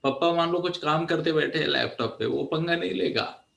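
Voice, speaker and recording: Man, motivational counsellor, fairly high voice, chatty and animated, echoey room. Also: normal speed, creaky. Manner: conversational, animated, asks "है ना?" often, mixes in English. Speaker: counsellor giving a talk. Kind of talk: motivational talk to an audience.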